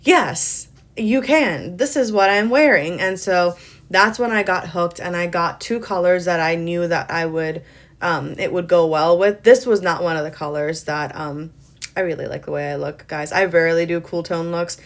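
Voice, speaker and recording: A young woman with a slightly low voice, talking through her makeup routine in a loose, chatty way. She rambles, fills pauses with ums, and pokes fun at herself as she goes. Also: fairly even intonation. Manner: self-deprecating humor. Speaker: beauty vlogger. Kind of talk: casual makeup tutorial voice-over.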